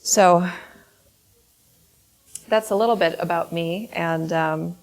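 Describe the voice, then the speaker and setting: A woman's voice: on the low side, slow pace. A woman attorney opening a presentation in an earnest, somewhat hesitant way with frequent fillers. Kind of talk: prepared presentation.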